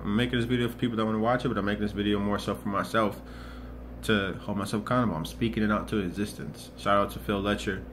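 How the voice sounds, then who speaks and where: This motivational vlogger is a man in his twenties whose voice is on the low side, with a steady, fairly bright tone and a quick pace. His casual monologue is earnest and rambling, full of restarts and repetitions. There is slight background noise.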